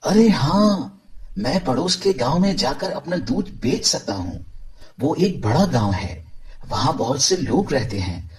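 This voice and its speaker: In an animated moral tale, the role of a discontented, greedy village milkman is voiced by a man who comes across as scheming, boastful and dismissive. He speaks at a measured pace with a medium pitch.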